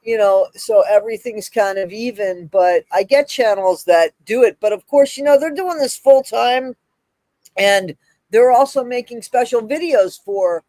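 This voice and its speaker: A woman's voice: a little high, unhurried, mellow, no echo. Emphatic woman chatting, close dry sound. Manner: emphatic, repeats phrases for stress. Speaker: video channel creator. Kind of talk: casual live stream chat.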